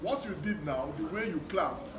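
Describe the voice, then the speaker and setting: A middle-aged man with a Nigerian accent gives a motivational talk to schoolchildren, speaking deliberately in short, emphatic, repeated phrases. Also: high voice, lively intonation. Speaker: guest speaker, education worker. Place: echoey room at a live children's event. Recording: distant mic, echoey noisy room. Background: noise, small children.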